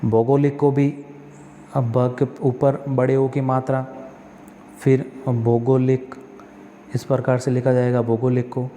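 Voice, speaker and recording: A man's voice: mid-range voice, flat delivery, a little slow, pauses often, mellow, long reverb tail, a little hiss or hum. A male tutor walks through exam practice questions, reading each one, correcting the spellings step by step and asking himself questions that he answers.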